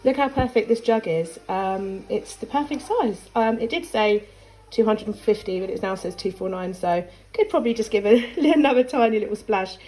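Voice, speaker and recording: This is a woman filming a casual vlog in her home kitchen. She talks to the camera in a chatty, upbeat way, at a middling pitch, as if she were recording on her phone. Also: lively intonation, normal speed, warm tone. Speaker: vlogger.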